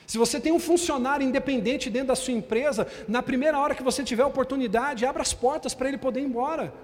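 A man's voice: very high-pitched, quick pace. A man with a Brazilian Portuguese accent preaching a sermon as bishop, emphatic and firing rhetorical questions at the congregation. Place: church hall. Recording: long reverb of a large hall.

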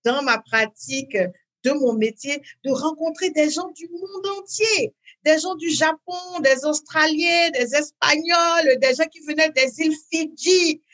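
A woman, talking as an interview guest in a hesitant way, with many fillers and repeats, then bursts of lively emphasis. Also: high-pitched, unhurried. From Benin. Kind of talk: conversational interview.

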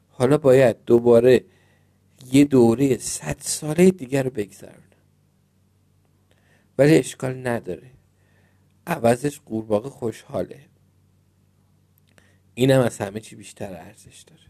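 A man voicing a kind young female fairy in training, speaking gently and soothingly in a storybook reading. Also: mid-range voice, long pauses, natural voice. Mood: resigned.

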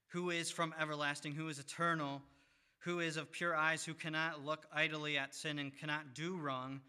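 A man preaching a sermon, reading scripture in a measured way with pauses. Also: a little high, bright, forceful tone, clear, resonant tone.

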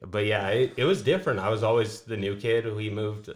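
Easygoing low-voiced man from Canada. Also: brisk. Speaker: podcast guest. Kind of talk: casual podcast chat.

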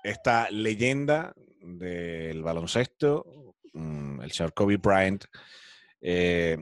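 Animated male sports talk host. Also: deep voice, drawn-out words, dry recording, clean studio sound. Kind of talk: conversational sports show presenting.

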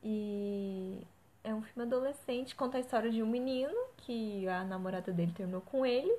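A woman's voice: medium pitch, normal speed, mellow. A young woman chatting casually about films she has watched, hesitant and full of fillers. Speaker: co-host reviewing films. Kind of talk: casual chat.

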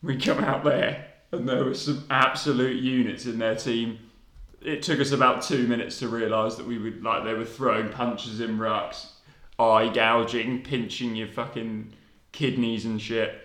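A young man from England on a podcast, telling stories in a relaxed way with casual swearing. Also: medium pitch, a little slow. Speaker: podcast co-host. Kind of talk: casual chat. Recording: roomy echo.

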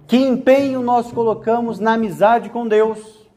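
A man's voice: very high-pitched, fairly even intonation, measured pace, warm tone, soft background music. A man with a Brazilian Portuguese accent giving a spoken meditation to young men, conversational and playful, tagging phrases with "né?". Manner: conversational, frequent "né?" tags, playful asides.

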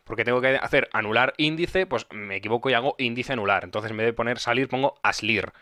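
A man's voice: mid-range voice, quick pace, sharp tone, no echo, clean studio sound. A man with a Castilian Spanish accent co-hosting a talk show in casual banter, with an irreverent, crude, joking manner. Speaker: co-host of a film talk show.

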